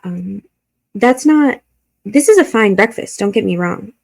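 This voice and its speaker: A woman's voice: mid-range voice, expressive, a little slow, creaky, a little mellow. A woman hosting a reaction video, giving blunt, critical commentary and swearing freely.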